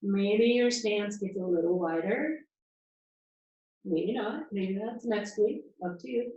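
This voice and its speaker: A woman leading a yoga class, giving calm, encouraging cues and counting breaths, a little out of breath as she moves. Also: mid-range voice. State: slightly out of breath. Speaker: yoga instructor. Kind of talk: guided yoga class instruction. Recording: distant, echoey, muffled room sound.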